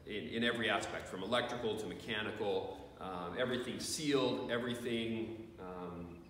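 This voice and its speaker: His voice runs on the low side with a fairly bright tone as he reviews equipment at a moderate pace, a man in his forties who wanders, restarts, and fills pauses plainly. A camera far off in the echoing farm shed picks him up, along with a little hiss or hum.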